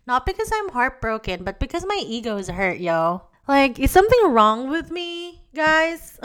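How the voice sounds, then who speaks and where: A woman's voice: high-pitched, very animated, normal speed, hardly any pauses, fairly bright tone, smooth. A woman in her twenties hosting her own podcast, chatting candidly and profanely, full of slang, laughing at herself and calling her listeners guys. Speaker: podcast host. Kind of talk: casual confessional podcast chat.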